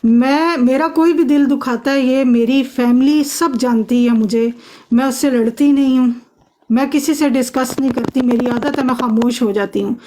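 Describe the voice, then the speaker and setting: A woman's voice: sits high, warm tone. A woman on a phone live stream arguing emphatically, insisting the other person listen to her. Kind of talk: heated live-stream argument.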